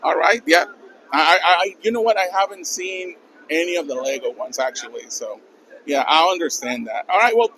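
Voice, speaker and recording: Here the interviewer's voice is fairly high, bright, and forceful, expressive at a moderate pace, on a rough recording with a little hiss or hum. He's a channel host from Mexico with a heavy Mexican Spanish accent, chatting with convention fans in a friendly, stammering manner amid a busy hall.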